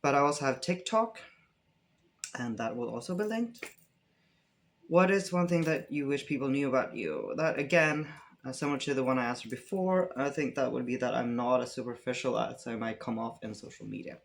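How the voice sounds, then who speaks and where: A young man from Sweden with a Swedish accent, answering fan questions in a relaxed, rambling vlog chat. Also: mid-range voice, brisk, creaky. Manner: relaxed, rambling, many fillers and restarts. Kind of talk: casual Q&A chat.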